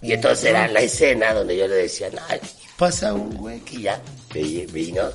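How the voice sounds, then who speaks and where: A man's voice: fairly low pitch, normal speed, gravelly, faint music behind. A man with a Mexican accent, a podcast host in casual chat, telling a story and acting out the voices of the people in it. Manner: animated storyteller who acts out the voices of people in his stories.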